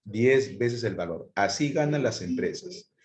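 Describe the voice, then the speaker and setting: A man's voice: on the low side, expressive, a little slow, a little mellow. A man teaching a live history class, talking conversationally and asking students rhetorical questions. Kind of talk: live online class lecture. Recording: echoey room.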